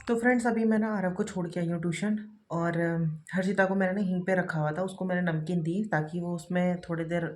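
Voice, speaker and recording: A woman's voice: fairly low pitch, a little mellow. A woman in her thirties, a mother, chatting casually in a daily home vlog and repeating herself as she goes about her housework. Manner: chatty, repeats herself, talks while doing chores. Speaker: vlogger, mother of two. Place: home, kitchen and rooms.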